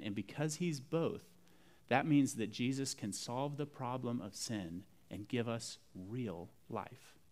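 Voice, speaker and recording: A man preaching a sermon as pastor, earnest and building emphasis through repetition. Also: medium pitch.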